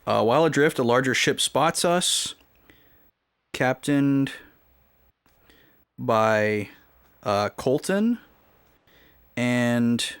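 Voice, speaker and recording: A man streams a video game, giving casual commentary as he thinks aloud, cracks jokes, and takes notes. His voice is medium-pitched, smooth, and fairly bright.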